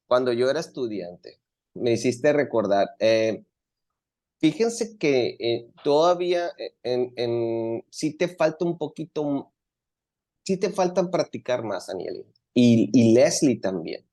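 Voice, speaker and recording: A man's voice: mid-range voice, animated, takes it slowly, mellow. A man with a Mexican accent teaching an English class to students in Spanish, earnest and encouraging, often repeating himself.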